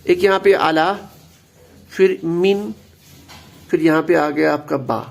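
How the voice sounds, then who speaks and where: Male grammar teacher, high and gravelly, patient, repeats key terms for students. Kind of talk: explanatory lesson.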